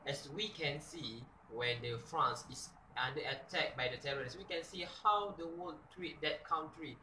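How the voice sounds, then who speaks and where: Recorded on a nearby camera mic in an echoey dorm room, this young adult Malaysian vlogger alternates sincere video commentary with mocking sketches. His voice is bright and a little high, his speed normal, and a faint hiss or hum sits underneath.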